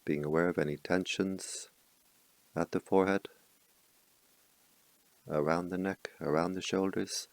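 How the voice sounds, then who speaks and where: Guiding listeners through meditation, a man with a low, gravelly voice full of fry speaks softly and slowly, his brief, calm directions spaced by long pauses. The sound is close and dry, without echo.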